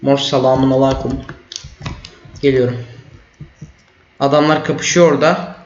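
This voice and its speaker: A teenage boy commentating his own gameplay, excitable, yelling and trash-talking at opponents. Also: medium pitch, normal speed. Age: teens. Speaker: gaming YouTuber. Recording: roomy, dull lo-fi mic.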